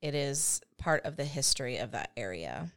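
A woman's voice: very deep voice, sing-song, moderate pace. A woman in her thirties hosting a podcast, telling a history story in a chatty, self-deprecating way with frequent laughs. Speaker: podcast host. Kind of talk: casual storytelling chat.

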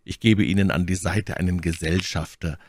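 Brief: sardonic aristocrat, read by a male narrator, dry close sound, calm menace. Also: low voice, no room sound. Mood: menacing. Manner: coolly sarcastic, measured threats. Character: cold, mocking English lord, calm and menacing. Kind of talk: audiobook character reading.

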